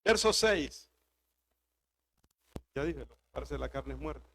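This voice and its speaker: A pastor preaching a sermon, driving points home with emphatic repetition. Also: male voice, fairly high pitch, lively intonation, a little slow, gravelly, a bit bright.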